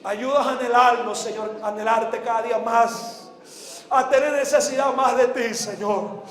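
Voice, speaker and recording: A man evangelist preaching a sermon and leading an altar prayer, fervent, dropping to a soft tone then rising to shouts, with a repetitive prayer cadence. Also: very high-pitched, fairly even intonation, moderate pace. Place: large church hall before a congregation. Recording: echoey hall with long reverb.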